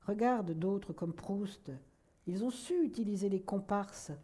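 A woman voicing a vain, irritable middle-aged novelist who lectures pompously and flares up quickly. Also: medium pitch, mellow, slightly rough, pitched above the performer's own voice. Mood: lecturing.

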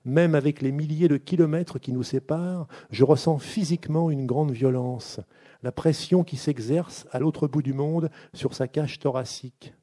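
A man hosting a literary show who reads a book passage aloud in a measured, deliberate way, then questions the author. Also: a little high, steady tone, warm tone.

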